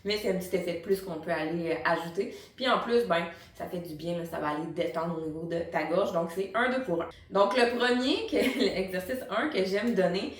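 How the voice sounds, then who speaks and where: A woman's voice: on the low side, a little fast, hardly any pauses. Echoey, distant-miked Quebec French woman teaching. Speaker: singing teacher and vocal coach. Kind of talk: tutorial explanation to camera. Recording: roomy echo, distant microphone.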